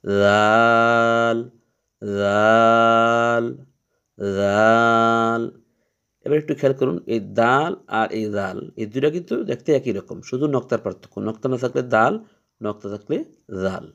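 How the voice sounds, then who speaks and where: Man, Quran reading teacher, patient, repeats letters slowly, mid pitch. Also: animated, highs cut off. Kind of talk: step-by-step letter lesson.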